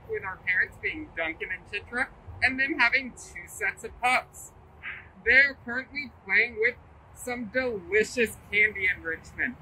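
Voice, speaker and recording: Young zookeeper doing an upbeat animal talk outside, really bright forceful voice, bit of background noise. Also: medium pitch, poor audio. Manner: upbeat presenter delivery. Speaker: zookeeper presenter. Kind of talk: scripted educational keeper talk to camera. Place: outdoors beside a zoo animal enclosure. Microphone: camera a few metres away. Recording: faint outdoor background noise.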